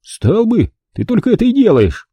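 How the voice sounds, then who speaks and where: A fussy, irritable man , as a male reader plays him in a storybook reading, with a snappish, testy delivery pitched well above the reader's own. Beneath the raised pitch the voice stays husky. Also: wildly swooping pitch, moderate pace, dark tone, no echo, exaggerated voice.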